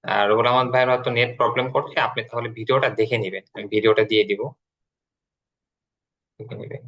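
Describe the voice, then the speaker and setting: Bright-voiced male online English teacher. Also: medium pitch, steady tone, low-quality recording. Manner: slow, repeats words while explaining. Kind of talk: online class explanation.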